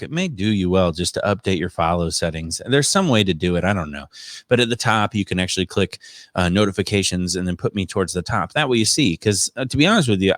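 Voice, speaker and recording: A man's voice: low voice, no room sound, studio quality. A man hosting a podcast in a rambling, self-deprecating, casual live-stream style. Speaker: podcast host.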